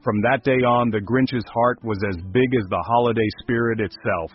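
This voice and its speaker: A man narrating a scripted storybook in an even, smooth manner, over a dull recording with faint music. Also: medium pitch, normal speed.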